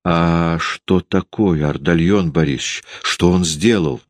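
A man's voice: on the low side, animated, normal speed, no room sound, studio quality, pitched above the performer's own voice. A man voicing a timid, fretful older landlady. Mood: anxious. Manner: anxious, fretful.

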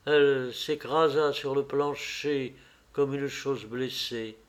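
A man narrating a classic novel as an audiobook reader, in a low-key dramatic way. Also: fairly even intonation, takes it slowly.

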